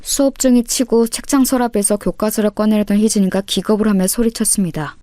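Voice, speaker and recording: A woman narrating a scripted audio story in a calm, measured way. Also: mid-range voice.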